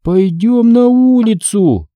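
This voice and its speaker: A man voicing a stubborn undead boy who talks in a slow, whiny, drawn-out way. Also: sits high, mellow, dry recording, clean studio sound, pitched above the performer's own voice. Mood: sulky.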